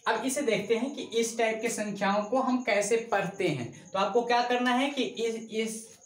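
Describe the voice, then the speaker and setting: A woman with a fairly high voice teaches a math lesson in an echoey classroom. She counts numbers aloud at a steady pace and asks questions that she then answers herself. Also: normal speed. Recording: echoey room.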